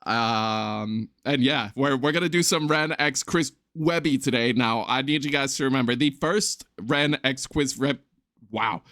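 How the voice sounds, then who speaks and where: A man's voice: medium pitch, a little slow, fairly bright tone, no room sound, studio quality. A man hosting a music reaction video, talking casually with filler ums and hiccuping as he goes. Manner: chatty, rambling, with filler ums. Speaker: music reaction channel host.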